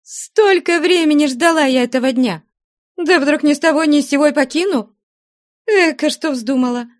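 A woman voicing a lively, headstrong young novice in a nunnery, eager and insistent. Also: high voice, normal speed, pitched above the performer's own voice, natural voice.

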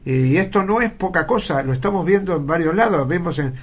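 Husky man. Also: sits high, expressive. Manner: indignant, halting with frequent fillers. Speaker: political commentator. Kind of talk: radio panel commentary.

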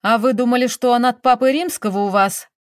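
A woman's voice: medium pitch, normal speed, dry recording, close to an everyday voice. Woman doing a stern sarcastic male investigator. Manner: dry monotone, lecturing.

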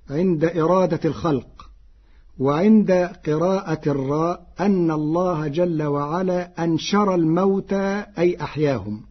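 A man from Egypt giving a formal radio lesson on Quran readings, measured, chanting the quoted verses slowly in a husky voice. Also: a little high. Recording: dull lo-fi radio broadcast recording.

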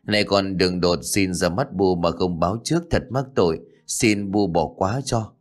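A man doing a humble young noblewoman, formal and deferential. Her voice stays low and measured. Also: close to an everyday voice.

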